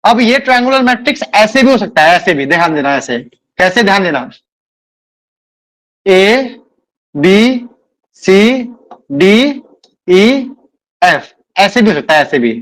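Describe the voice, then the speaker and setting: A man with a rather high voice teaches a math class. He talks quickly by his own account, repeats key words and keeps addressing the students kindly. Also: big pitch swings, fairly bright tone. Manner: admits speaking fast. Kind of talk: live online class lecture.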